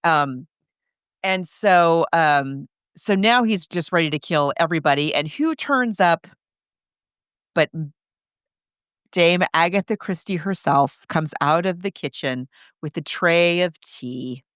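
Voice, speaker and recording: A woman co-hosting a podcast recaps a film in casual chat, telling it like a conversational storyteller and acting out the characters' reactions. Her fairly low, expressive voice is clear, resonant and a bit bright, and she takes it slowly. The studio sound is clean, with no room sound.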